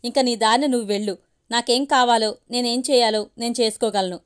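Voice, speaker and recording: A woman's voice: a little high, steady tone, fairly quick, smooth, close to an everyday voice. A woman voicing a fierce, indignant young heroine. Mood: furious. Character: angry defiant young woman student.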